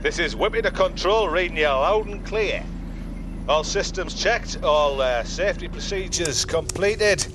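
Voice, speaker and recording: A man's voice: high-pitched, lively intonation, measured pace. A man giving mock mission radio chatter as a rocket pilot, his voice coming through a crackly sci-fi radio transmission.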